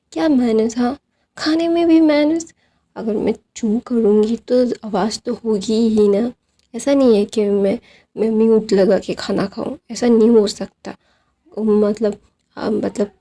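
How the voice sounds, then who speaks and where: A woman's voice: mid-range voice, dark tone. A woman casually retelling a fan story, speaking each character's lines in her own voice and mixing in English phrases. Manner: reads out quoted lines of several characters in her own voice, with fillers.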